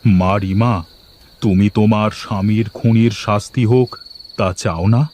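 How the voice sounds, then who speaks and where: A man's voice: on the low side, a little slow. Fatherly village elder. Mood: resolute. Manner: fatherly, steady, reassuring. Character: wise, kindly male village elder. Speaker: village head. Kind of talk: cartoon voice acting.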